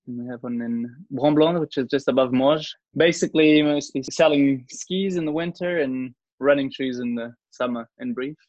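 Speaking at normal speed with few pauses, this podcast guest has a medium-pitched, darkish voice, captured without echo but with dull audio. He's a young Swiss man and church worship singer whose accent carries a New Zealand influence, and he chats earnestly and casually in the interview.

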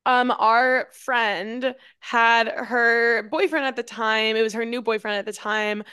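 A woman's voice: a little high, steady tone, takes it slowly, pushed and bright, smooth. A young woman co-hosting a podcast, chatting casually, filling in details and agreeing often. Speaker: podcast co-host. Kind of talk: casual chat.

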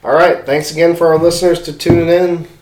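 A man's voice: on the high side, level tone, fast, a little mellow. A young man co-hosting a podcast in casual chat, rambling with lots of filler words and swearing freely. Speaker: podcast co-host. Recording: echoey room.

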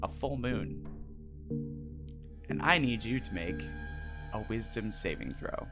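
A man running a tabletop game as game master, improvising his narration in an informal, halting way. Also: on the low side, animated, gravelly. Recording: music playing behind the voice. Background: background music.

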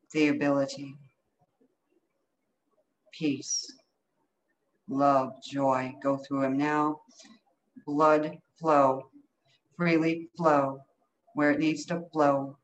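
A woman leading an improvised energy healing session as a healer, speaking in short, incantatory phrases with repeated commands. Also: low voice. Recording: dull, lo-fi call audio with noise.

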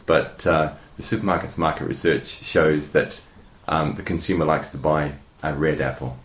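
Very deep-voiced New Zealand man. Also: fairly even intonation, normal speed. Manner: hesitant, many fillers and restarts. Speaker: guest. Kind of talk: casual interview talk.

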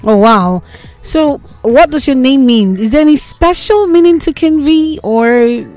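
Higher-voiced woman hosting a podcast. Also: expressive, measured pace, a little mellow, soft background music. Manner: informal, often adds "right?". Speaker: podcast host. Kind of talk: conversational podcast interviewing.

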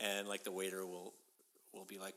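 A man's voice: sits low, monotone, normal speed, noisy background. A man, chatting casually and laughing often as he talks. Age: 30s. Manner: laughs often while talking. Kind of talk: casual chat.

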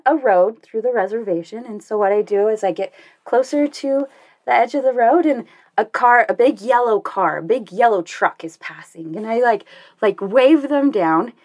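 Young woman telling a bike story, higher voice, animated, laughs a lot, acts out her own lines. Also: moderate pace. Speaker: guest telling a cycling story. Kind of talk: casual storytelling.

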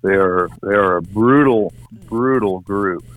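A man's voice: lowish voice, a little slow, poor audio. A middle-aged man co-hosting a casual political chat, giving emphatic opinions in a conversational way. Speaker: co-host.

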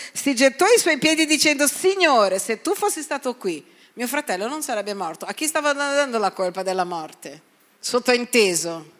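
A woman preaching a sermon in a lively way, acting out the people in her story and sometimes dropping to a hushed voice. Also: fairly high pitch. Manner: animated, acts out quoted voices, drops to hushed tones.

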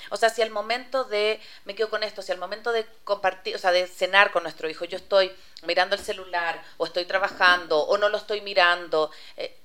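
A woman's voice: mid-range voice, steady tone, brisk, few pauses, bright, forceful tone. A woman co-hosting a parenting talk show, chatty, with many fillers and restarts. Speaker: co-host. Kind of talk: casual radio talk.

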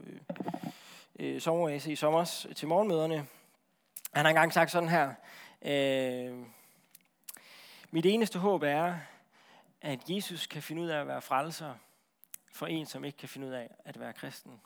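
A man preaching a sermon in a lively, talkative way, often repeating words and checking in with the listeners. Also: on the high side, gravelly, long pauses.

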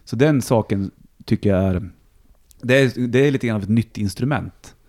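A man with a Hälsingland Swedish accent talks in a relaxed, rambling way, swearing easily. His voice sits low with a gravelly fry running through it. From Sweden, Hälsingland. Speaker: musician and radio host, guest. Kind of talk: casual conversation.

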